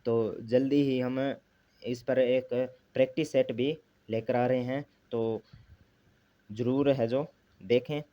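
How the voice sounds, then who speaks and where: A man's voice: medium pitch, fairly even intonation, takes it slowly, highs cut off. A man teaching a grammar lesson, asking himself questions and repeating the key terms. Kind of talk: classroom lesson explanation.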